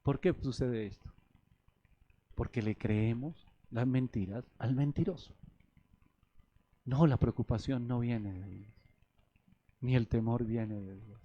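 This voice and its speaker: A man's voice: mid-range voice, slightly rough. A man preaching a sermon, emphatic and acting out the voices he quotes. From Colombia. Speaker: pastor. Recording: dull lo-fi radio broadcast.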